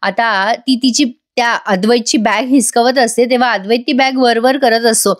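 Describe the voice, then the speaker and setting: A woman's voice: on the high side, fairly even intonation, moderate pace, no room sound, clean studio sound. A woman giving a voice-over recap of a TV serial episode, retelling it in a chatty way and addressing the viewers. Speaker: TV serial reviewer.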